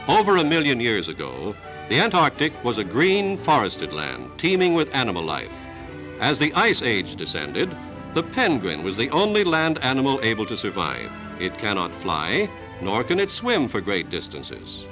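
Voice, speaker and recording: A man narrating an old newsreel in a measured, declarative announcer delivery. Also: medium pitch, wildly swooping pitch, poor audio. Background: music score.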